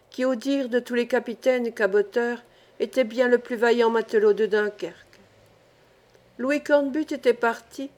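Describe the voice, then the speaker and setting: A woman reads a classic novel aloud as an audiobook narrator. Her delivery is steady and clear. Her voice is fairly high.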